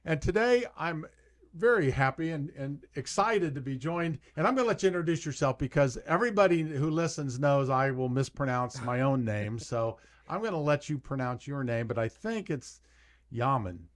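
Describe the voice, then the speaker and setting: A man's voice: a little high, expressive, moderate pace. An older man hosting a casual real estate interview, friendly and a bit stumbling. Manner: friendly, stumbling over words. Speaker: podcast host, mortgage lender.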